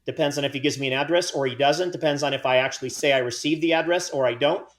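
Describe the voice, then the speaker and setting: A man hosts a casual podcast, speaking quickly in a mid-range voice. He jokes and teases himself in self-mocking banter while reading out the giveaway winners and details.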